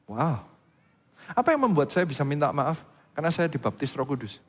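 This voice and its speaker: A man gives a sermon-style testimony, telling his story in an animated way with his voice leaping up at the exciting parts. His voice sits on the higher side, and a long reverb from the church hall trails after each phrase. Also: brisk. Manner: animated storytelling, pitch jumping up when excited. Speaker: preacher.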